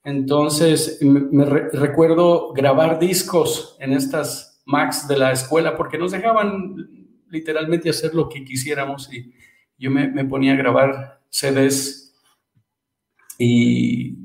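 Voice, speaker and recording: A man's voice: a little high, steady tone, takes it slowly, roomy sound, poor audio. A man in his thirties, from Mexico, chatting as a podcast guest and often repeating words as he starts a thought. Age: 30s. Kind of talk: casual interview chat.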